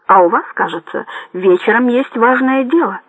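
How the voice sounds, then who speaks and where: Hoarse, stubborn military man under siege, voiced by a man, dry recording. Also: very high-pitched, normal speed, fairly bright tone, no room sound, voice pushed up, full character voice, low-quality recording. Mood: defiant. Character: hoarse cornered male army major, defiant.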